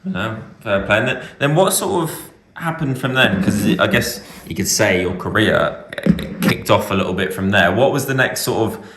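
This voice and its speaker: A man with a low, bright and forceful voice hosts a casual podcast. He asks questions in a friendly, jokey manner, and the recording has a roomy echo. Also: animated, moderate pace, a little hiss or hum. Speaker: podcast host.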